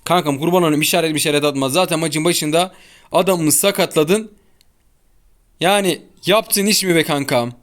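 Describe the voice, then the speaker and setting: A young man with a fairly high, slightly bright voice speaks at a normal pace as he hosts his gaming channel from home. He chats casually over his gameplay in slang, often sounding exasperated and complaining. He's in a room near an open window, and a child can be heard outside.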